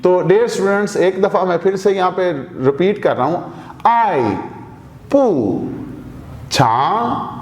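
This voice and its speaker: A man's voice: high-pitched, brisk, a little mellow. A man with a Pakistani Urdu accent teaching a vocabulary lesson, saying each new word several times and then explaining what it means. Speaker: language teacher.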